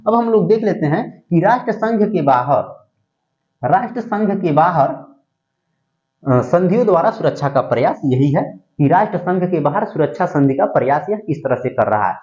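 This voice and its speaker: History teacher asking questions then answering them, pitch jumps around a lot, dull lo-fi sound. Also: very animated, moderate pace, darkish tone. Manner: asks rhetorical questions and answers them at once; repeats key phrases while thinking aloud. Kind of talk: history lecture. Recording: dull lo-fi recording.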